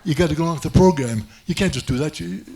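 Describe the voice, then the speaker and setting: On a comedy club stage, a stand-up comedian tells a rambling, self-mocking story with many restarts. He talks fast in a slightly high, creaky voice with a darkish tone.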